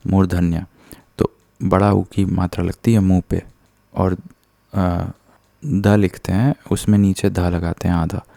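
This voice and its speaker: Low flat-voiced male teacher. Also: gravelly, no echo. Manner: patient, explanatory, corrects himself. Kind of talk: spelling lesson explained step by step.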